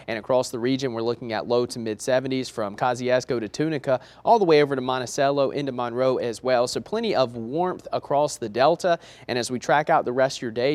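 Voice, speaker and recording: A man's voice: medium pitch, darkish tone. Man presenting a TV weather report. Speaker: TV weather forecaster.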